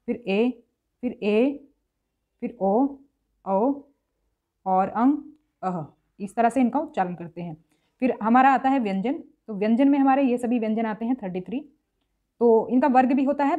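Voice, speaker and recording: A woman's voice: on the high side, warm tone, dull audio. A woman teaching a grammar lesson, patiently spelling out sounds one by one to show how to pronounce them. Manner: patient, repeats sounds slowly to show pronunciation. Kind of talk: classroom-style lesson.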